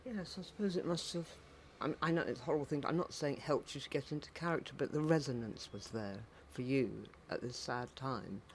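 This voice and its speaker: A man's voice: medium pitch, brisk, hardly any pauses, slight background noise. A man interviewing someone about the arts in a chatty, discursive way.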